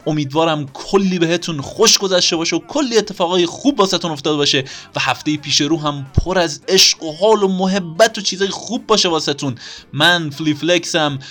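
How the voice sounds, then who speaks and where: Excitable high-voiced male podcast host. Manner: excitable, exasperated banter. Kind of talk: casual comedy podcast chat.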